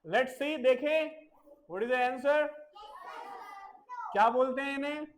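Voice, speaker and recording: A man's voice: very high voice, takes it slowly, a little hiss or hum. A man teaching a classroom vocabulary lesson, repeating each word and spelling it out letter by letter. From India.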